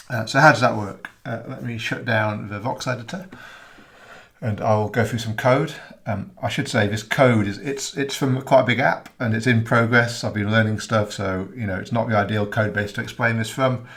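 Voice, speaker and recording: A man who is losing his voice, explaining his software in a rambling, casual tutorial full of ums and uhs. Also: fairly low pitch, fairly even intonation, normal speed. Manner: rambling, many ums and uhs, self-correcting. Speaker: software developer demonstrating his app. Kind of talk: casual screen-recorded tutorial.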